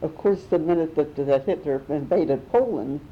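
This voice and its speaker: An older woman telling memories in an oral history interview, rambling along with restarts and small laughs. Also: moderate pace. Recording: muffled with faint rumble.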